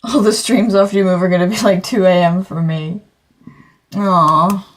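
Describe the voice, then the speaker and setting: Streaming herself drawing, a teen girl from Australia whose first language is English talks at a normal pace in a steady, mid-range voice. Her casual chatter wanders, full of fillers and corrections of herself.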